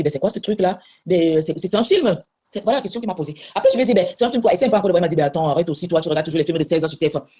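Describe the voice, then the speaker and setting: Blunt woman from cameroon, rapid-fire talk, kinda husky, keeps hammering her point. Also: lowish voice, a little mellow. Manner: blunt, insistent, repeats herself. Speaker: co-host of online discussion. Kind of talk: heated casual chat. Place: lives in France.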